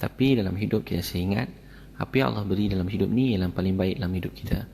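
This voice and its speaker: A man's voice: low voice, racing, gravelly, dark tone, slight background noise. A male preacher with a Malaysian Malay accent, telling stories and repeating phrases for emphasis in a sermon. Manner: repetitive, storytelling, emphatic.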